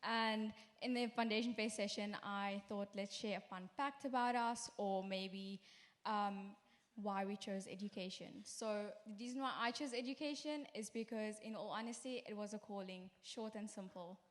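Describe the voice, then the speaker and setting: A woman's voice: medium pitch, fairly even intonation, moderate pace. A young woman introducing herself to new students in an earnest, slightly hesitant way. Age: young adult. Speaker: student committee chairperson. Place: large hall. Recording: reverberant hall.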